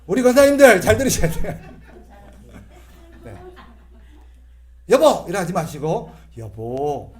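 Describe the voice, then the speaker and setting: A man's voice: high-pitched, expressive, normal speed, pauses often. A middle-aged male pastor giving a humorous sermon, imitating voices and having the congregation repeat phrases after him.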